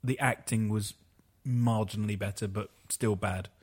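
A man's voice: fairly low pitch, steady tone, moderate pace, a little mellow, breathy edge. A man in casual podcast chat, blunt and dismissive in his opinions.

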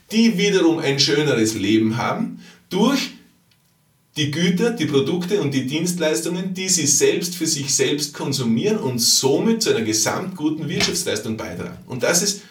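A man delivers a motivational business monologue, hammering points home with repetition and questions to the listener. His voice sits slightly high and moves in lively leaps. He sounds a little distant from the mic, in a room with noticeable echo. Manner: emphatic, repetitive, rhetorical questions addressed to the listener. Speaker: podcast host and business coach.

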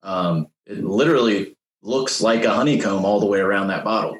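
A man co-hosting a podcast in casual chat, animated and playful, laughing easily. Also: on the low side, fairly quick, slight background noise. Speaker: podcast co-host. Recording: roomy echo.

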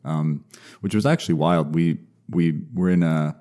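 A young man, a mycologist guest, talking casually and explaining things in a measured way with some restarts. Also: very deep voice, dark tone. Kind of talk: casual podcast interview.

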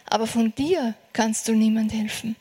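A woman preaching a sermon, earnest and encouraging, slowing down for emphasis. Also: a little high, fairly even intonation, warm tone, slightly rough.

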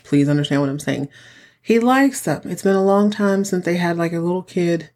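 Campy, theatrical woman podcast host with lowish voice. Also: normal speed, darkish tone. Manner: chatty, exclamatory, dramatic emphasis. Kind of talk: casual TV recap podcast.

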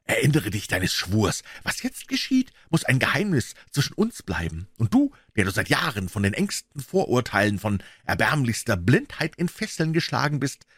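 A man's voice: medium pitch, wildly swooping pitch, normal speed, few pauses, a bit bright, breathy edge, no room sound, studio quality, pitched above the performer's own voice, full character voice. A man voicing a sinister, feverish male visitor who tempts and commands in urgent, theatrical declamation. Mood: frenzied.

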